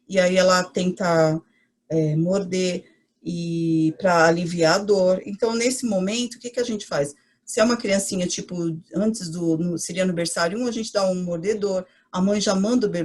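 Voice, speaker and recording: A woman's voice: medium pitch, a little mellow. A woman with a Brazilian accent, a preschool educator, explaining in a chatty way and answering her own questions. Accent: Brazilian Portuguese. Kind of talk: casual explanatory talk.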